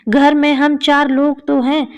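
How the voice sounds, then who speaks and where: A shy young bride in a spoken storybook, polite and eager to please, read by a woman. The voice is high and slow, with a hesitant, respectful manner. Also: flat delivery, a little mellow.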